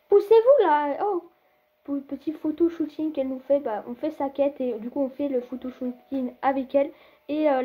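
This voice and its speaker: A woman's voice: sits high, narrow, tinny audio. A woman giving casual gameplay commentary, chatty and rambling, laughing often, with many fillers and restarts. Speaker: gaming YouTuber.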